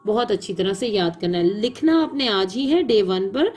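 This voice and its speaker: A woman English teacher, reading a passage aloud very slowly, word by word, then explaining the homework quickly to her students. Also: medium pitch, animated, a little mellow. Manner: reads English text very slowly word by word, repeating phrases; explains quickly in conversational instruction. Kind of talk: online class lesson, reading aloud slowly for dictation.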